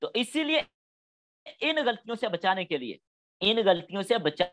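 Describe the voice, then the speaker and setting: A man's voice: sits high, big pitch swings, normal speed, fairly bright tone. A middle-aged man teaching a class on Quran studies, explaining patiently step by step and acting out spoken examples. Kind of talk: classroom lecture.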